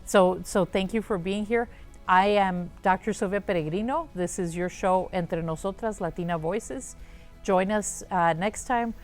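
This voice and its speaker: A woman hosting a talk show, interviewing in a conversational way with hesitant, halting phrasing. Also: mid-range voice, faint music behind.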